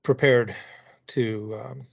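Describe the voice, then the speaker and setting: A man on a podcast speaks at a middling pitch. He chooses his words carefully, building his points in a measured, thoughtful way. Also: steady tone, gravelly, lo-fi sound. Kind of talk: casual podcast chat.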